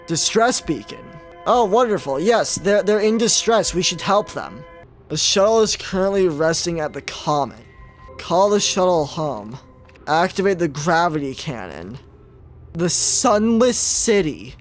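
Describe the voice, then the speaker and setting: A man's voice: high-pitched, big pitch swings, a little slow, soft background music. A young man giving casual, joking commentary as he plays a game and talks to himself. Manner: joking, self-talk. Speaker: gaming YouTuber.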